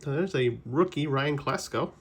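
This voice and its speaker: A man's voice: fairly high pitch, moderate pace. Chatty man ripping card packs. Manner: chatty, rambling trivia asides with self-corrections. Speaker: card-collecting channel host. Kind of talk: casual pack-opening commentary.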